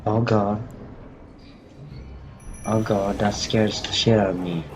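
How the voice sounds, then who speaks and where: A man's voice: fairly low pitch, fairly even intonation, slow, poor audio. A man hosting a let's-play video, talking through the game in jumpy bursts, repeating phrases to himself and talking back to the game characters. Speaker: gaming channel host. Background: game music.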